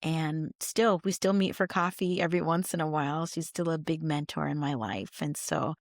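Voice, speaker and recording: A woman's voice: low voice, normal speed, no room sound, clean studio sound. A middle-aged woman, an educator, chatting casually as an interview guest, telling stories with fillers and laughs. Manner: animated storytelling with laughs and fillers.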